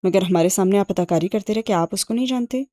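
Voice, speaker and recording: A woman's voice: mid-range voice, dark tone, no echo, clean studio sound, close to an everyday voice. A woman reading an audiobook and voicing an indignant young man who fires accusing questions. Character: indignant young man, quick-tempered brother.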